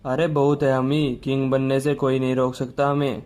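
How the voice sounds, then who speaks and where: Man as boastful gang boss, monotone, faint music. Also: mid-range voice, moderate pace, natural voice. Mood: scheming. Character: scheming male gang boss.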